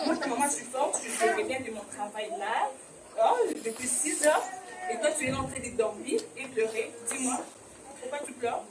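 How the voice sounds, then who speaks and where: Woman doing a fed-up mom who keeps pushing, high pitched, far from the mic, noisy echoey hall. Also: normal speed, natural voice. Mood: insistent. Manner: repeats demands, exasperated. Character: scolding mother, exasperated and insistent. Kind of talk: amateur church skit.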